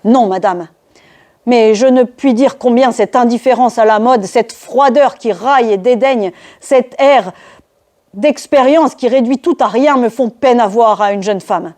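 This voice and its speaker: A woman's voice: a little high, a little slow, dark tone, natural voice. A woman voicing an ardent aristocratic count in a one-woman reading of a classic stage comedy, speaking gallantly and declaiming with passion. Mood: reproachful. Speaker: reader of a play.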